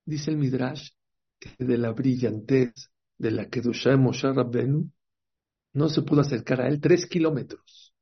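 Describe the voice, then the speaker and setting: A man teaching a Torah class as a rabbi, telling stories lively and asking his listeners questions. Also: medium pitch, measured pace, vocal fry, husky. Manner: lively storyteller, acts out quotes, asks the audience questions. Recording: dull lo-fi recording.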